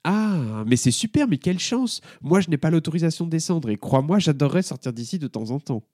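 A man voicing a lively, teasing teenage schoolgirl with a quick, bossy way of talking in a children's story. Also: on the high side, no room sound, clean studio sound, pitched above the performer's own voice. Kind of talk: storybook character voice.

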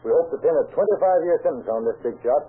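An actor playing a confident, no-nonsense police chief with a husky voice in an old crime film. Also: male voice, on the high side, animated, fast talker, soft background music. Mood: assured. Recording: tinny, phone-like old film soundtrack.

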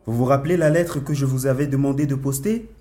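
A man's voice: medium pitch, fast talker, warm tone, pitched above the performer's own voice, lightly acted. A man voicing a young African migrant man who tells his tale in street slang. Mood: chatty.

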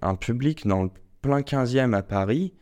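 A man's voice: medium pitch, animated, normal speed, darkish tone. A young man hosting an interview podcast, asking chatty, probing questions. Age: young adult. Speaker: podcast host.

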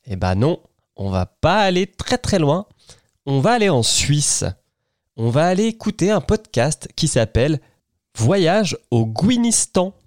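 A man's voice: fairly high pitch, sing-song, measured pace, no echo. Brief: male podcast host, dry close sound, chatty and enthusiastic, lots of "euh" restarts. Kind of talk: casual podcast recommendation.

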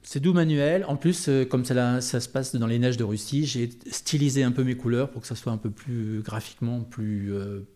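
Un homme d'âge mûr, auteur de bande dessinée, parle en entretien de façon animée, avec des hésitations et des reprises. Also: male voice, medium pitch, normal speed, few pauses. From Chablais, French Alps. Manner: animated, hesitant, many restarts. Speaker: comic book artist. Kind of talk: casual interview conversation.

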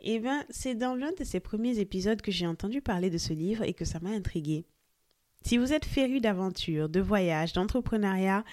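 A woman hosts a scripted book review podcast, talking straight to her listeners in a lively, friendly way. Her voice is warm and mellow, recorded close and dry with no room sound. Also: mid-range voice, no room sound. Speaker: podcast host.

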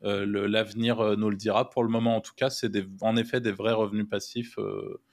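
A man's voice: on the low side, little pitch movement, fairly quick. A man co-hosting a podcast, chatting casually and rambling with many restarts and fillers. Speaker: podcast co-host.

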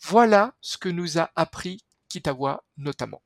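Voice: mid-range voice, lively intonation, normal speed, dry recording, studio quality. A podcast guest explaining skincare research in an enthusiastic, chatty way, full of fillers and restarts.

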